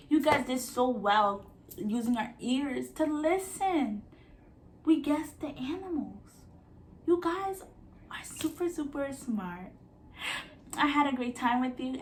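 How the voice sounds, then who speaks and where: Female preschool teacher, kids show host manner, high-pitched and encouraging, recorded roomy and a bit far from the mic. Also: a bit bright. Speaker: preschool teacher leading circle time. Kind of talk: children's educational lesson, asking questions to young viewers. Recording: roomy echo, distant mic, faint noise.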